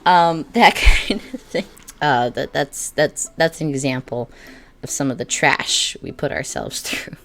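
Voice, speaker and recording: Lower-pitched young woman, casual and profane. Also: measured pace, a bit bright. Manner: swears freely, laughs often, many fillers. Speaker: video creator. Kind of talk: casual rambling commentary.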